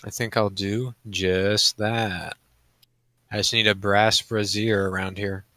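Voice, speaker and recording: A man's voice: fairly low pitch, flat delivery, takes it slowly, pushed and bright, no echo. A man playing a tabletop game in character, speaking in a dry, matter-of-fact way. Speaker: player.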